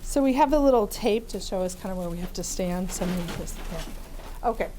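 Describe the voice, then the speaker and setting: Leading a lively live training demonstration for a small audience, the woman therapist talks in a big, chatty voice at medium pitch and a slightly fast pace. She laughs often and uses plenty of fillers, and a bit of background noise is audible.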